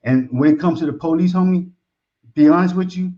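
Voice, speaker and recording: A Texan man with an American accent calls in as an expatriate guest, chatting casually in a slangy, familiar, talkative way. His voice is on the high side, brisk and mellow, heard through dull lo-fi call audio.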